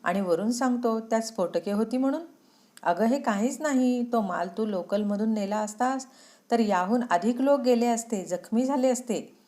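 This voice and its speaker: Reading a storybook aloud, a woman voices a ruthless male villain, her delivery cold, menacing and threatening. Her natural voice is fairly high-pitched and mellow, and she speaks at a moderate pace.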